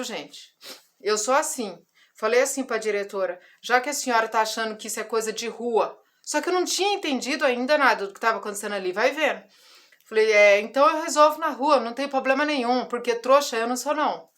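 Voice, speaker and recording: A woman's voice: a little high, fast talker, fairly bright tone. A woman in her forties gives a personal testimony in a casual vlog, telling a story with emotion and acting out the dialogue. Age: 40s. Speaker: ministry vlogger.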